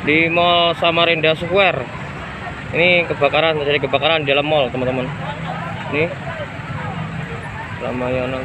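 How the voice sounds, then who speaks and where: With the phone camera in his own hand, a citizen reporter vlogger films a mall fire at night on a busy street for an on-the-spot video report. He speaks in a fairly high, level tone at a moderate pace with long pauses, and loud street noise comes through the phone. His manner is urgent and repetitive, and he addresses his viewers as friends.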